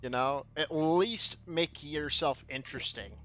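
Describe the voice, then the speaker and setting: A man's voice: a little high, measured pace, fairly bright tone, highs cut off, soft background music. A young man streaming a shooter game, complaining and swearing as he plays. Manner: profane, complaining, sardonic. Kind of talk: casual gameplay commentary.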